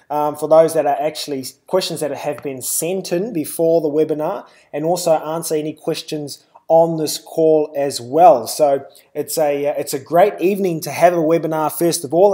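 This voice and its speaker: A man with a New Zealand accent presents a live webinar. His voice sits a little high for a man. He talks in a loose way, filling gaps with "uh" and "you know". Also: dark tone.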